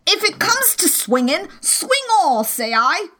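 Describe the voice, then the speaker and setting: A woman reading an audiobook and voicing a blustering old male sea captain who shouts oaths. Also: on the high side, sing-song, a little slow, full character voice. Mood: crying out. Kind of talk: audiobook character voice.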